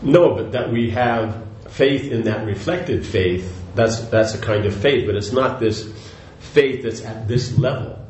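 In a mid-range, slightly mellow voice, an older man who teaches spirituality lectures at a measured pace with hardly any pauses. The devotional talk is rambling and chatty, peppered with "you know," restarts, and side remarks. It was captured in an echoey room with faint background noise.

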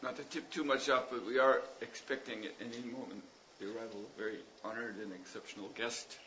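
A man running a class, announcing the schedule in a measured way with frequent pauses. His voice sits at a middle pitch. The recording is muffled and carries a steady background noise. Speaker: class leader.

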